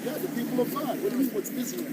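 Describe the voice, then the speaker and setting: High-voiced man preaching on the street. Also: animated, rapid-fire. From Jamaica. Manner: emphatic, confrontational, fires rhetorical questions. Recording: distant mic, clear street traffic noise.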